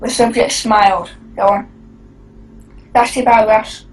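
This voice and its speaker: A woman's voice: mid-range voice, fairly even intonation, measured pace, recorded from a distance, a little hiss or hum, poor audio. A woman co-host reading a creepy story aloud in a casual way, often stumbling and restarting words.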